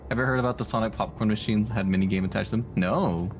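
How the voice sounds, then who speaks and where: A fairly low-pitched man talks very fast, rambling and giggling casually as he draws art live on his stream. Music plays behind his voice.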